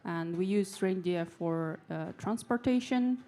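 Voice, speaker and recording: A woman from Russia giving a conference presentation, speaking haltingly with many fillers and friendly restarts. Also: lowish voice, mellow. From Yakutia, Russia.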